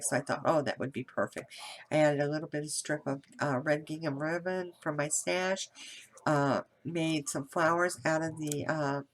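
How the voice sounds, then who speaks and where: A craft video host from Kentucky, nasal from a head cold, chats casually through a tutorial full of fillers and restarts. Her voice is deep, with a little hiss or hum in the background.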